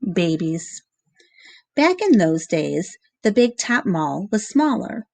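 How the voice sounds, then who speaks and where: Reading from a children's novel, this woman has a lowish, gravelly voice on a dry recording. She narrates in a measured, expressive storybook style and pauses briefly between phrases.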